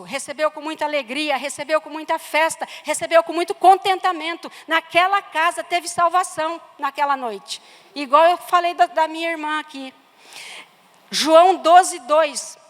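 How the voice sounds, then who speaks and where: A woman's voice: high voice, fairly bright tone. A woman with a Brazilian Portuguese accent preaching a sermon, telling a personal story with emphatic repetitions. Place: church sanctuary. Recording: church hall reverb.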